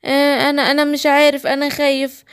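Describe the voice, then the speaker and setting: A woman's voice: high voice, monotone, brisk. A woman with an Egyptian accent voicing a timid, worried young lion cub. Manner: anxious, calling out.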